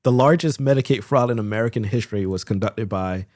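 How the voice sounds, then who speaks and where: This congressional candidate, a young man from Florida, speaks quickly in a lowish, slightly mellow voice. He responds to interview questions in an earnest way, often filling gaps with "uh" and "um." It's studio-quality audio without any room sound.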